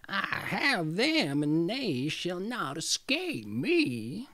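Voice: medium pitch, wildly swooping pitch, extremely slow, fairly bright tone, no echo, pitched above the performer's own voice, exaggerated voice. A reader voicing a cruel, greedy old female witch in a read-aloud fairy tale, with a menacing villain's manner.

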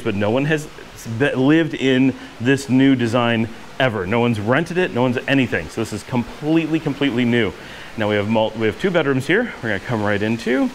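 Filming a walking tour of his house on a handheld action camera held at arm's length, a man in his forties rambles enthusiastically with plenty of fillers. His mid-range voice is expressive and brisk, with a little hiss or hum in the recording. He moves through indoor and outdoor rooms of a house with a courtyard pool.

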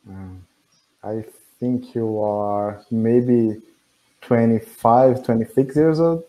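A man's voice: mid-range voice, takes it slowly, highs cut off. A Brazilian man in his twenties with a Brazilian Portuguese accent, chatting in careful learner's English over a video call headset. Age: 20s. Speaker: English student. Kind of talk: casual video call chat. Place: indoor room, green backdrop.

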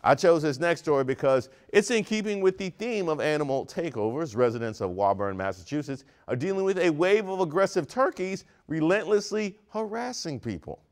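A man in his thirties from Maryland hosting a comedic news segment, wisecracking with animated punchlines in a studio. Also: a little high, brisk, few pauses. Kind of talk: scripted comedic news commentary. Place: studio with brick wall set.

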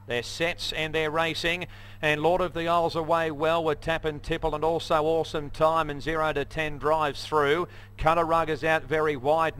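A man's voice: fairly high pitch, fairly bright tone, clean tone. A man with an Australian accent calling a horse race live, in a running commentary that lists runners and margins.

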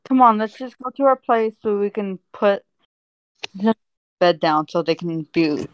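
Long-suffering teen son woman voicing, medium female pitch, everyday delivery, dry recording, amateur roleplay. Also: expressive, measured pace, no echo, close to an everyday voice, poor audio. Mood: exasperated. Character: embarrassed, patient seventeen-year-old son of a fussy dad.

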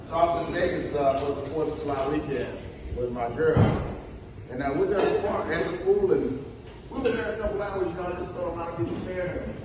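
High-voiced male stand-up, echoey club recording. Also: steady tone, fast. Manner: informal, profane, conversational bantering with the crowd. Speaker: stand-up comedian. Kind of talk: stand-up comedy routine at an open mic. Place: indoor comedy club stage. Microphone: handheld stage mic, recorded from audience table. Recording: echoey club, distant phone, noisy room.

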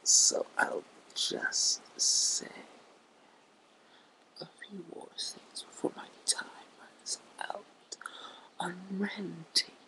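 A drunk person rambling through a brooding rant to camera in a halting, whispery rasp, close to the phone. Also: mid-range voice, level tone, pushed and bright, poor audio. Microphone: phone held very close to the mouth.

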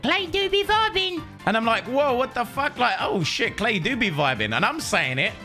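An excitable young male streamer, as a woman imitates him, rattles through a bewildered rant, swearing all the way. The voice swoops widely and sounds bright and bouncy. Faint music runs underneath. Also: a little high. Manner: rapid, swearing, bewildered storytelling.

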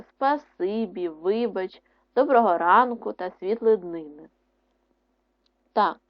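A woman's voice: on the high side, no room sound. Ukrainian woman, primary teacher, patient and encouraging, close, dry and slightly muffled recording. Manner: patient, encouraging, syllable-by-syllable drilling. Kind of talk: recorded online reading lesson.

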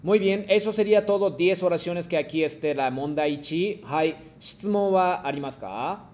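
A man teaching a Japanese class online, slowly modeling phrases for his students to repeat. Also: high voice, darkish tone. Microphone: video call.

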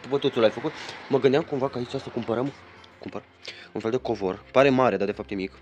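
A man's voice: medium pitch, darkish tone, dull audio, a little hiss or hum. A young man, chatting casually in a home vlog while scolding his child. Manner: chatty, rambling, scolding a child between remarks. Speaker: vlogger. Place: small bedroom at home.

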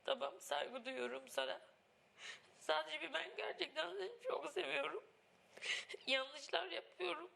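A woman's voice: high-pitched, unhurried, creaky, pauses often, a bit bright. A young woman in a reality show house, tearful and pleading as she pours out her feelings. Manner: tearful, pleading, breaks into crying laughs. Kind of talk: emotional heart-to-heart. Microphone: wireless body mic.

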